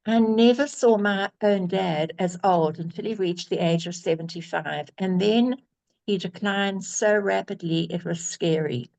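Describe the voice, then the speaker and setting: A woman's voice: mid-range voice, unhurried, creaky, darkish tone, rough recording. A woman of seventy, telling a personal story earnestly and emphatically over a video call, often restarting her words. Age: 70s. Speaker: guest sharing a testimonial. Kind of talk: personal testimony on a group call.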